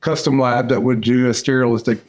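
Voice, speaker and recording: An older man from Central Arkansas speaks in a relaxed, unhurried way and fills his pauses with "uh". He talks like a veteran surgeon explaining his field in a podcast interview, with a voice in the middle of the usual male range. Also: mid-range voice. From Central Arkansas, USA. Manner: unhurried, with many "uh" fillers. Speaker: dental surgeon and course mentor.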